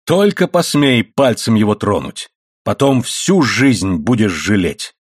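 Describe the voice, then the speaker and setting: A man's voice: medium pitch, lively intonation, a little fast, darkish tone, dry recording, clean studio sound, close to an everyday voice. A man voicing a stern, mocking miner's wife who scolds firmly and answers her husband with sarcasm. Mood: sharp scolding. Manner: reproachful, mocking, firm. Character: stern, sharp-tongued miner's wife and mother.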